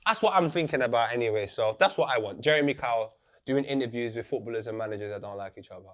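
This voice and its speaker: A man as a guest in a casual interview, animated and joking as he riffs on ideas. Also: mid-range voice, fast. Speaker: podcast guest.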